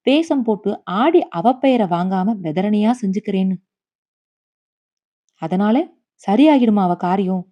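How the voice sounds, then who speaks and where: A woman voicing a rigid, orthodox middle-aged son in a story. He talks curtly and shouts through clenched teeth. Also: mid-range voice, animated, unhurried, long pauses. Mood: angry.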